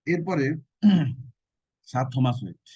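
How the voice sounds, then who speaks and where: A man's voice: on the high side, lively intonation, slow pace, warm tone, husky, no echo. A male teacher gives a casual exam-prep lecture, explaining with joking memory tricks and colloquial asides. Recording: dull, dry lo-fi recording.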